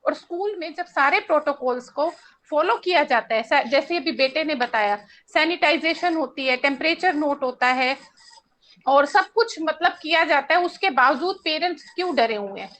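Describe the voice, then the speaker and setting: Woman with a really high voice arguing her point hard on a talk panel. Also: lively intonation, moderate pace, a bit bright. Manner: insistent, argumentative. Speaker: panel guest. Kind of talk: panel discussion.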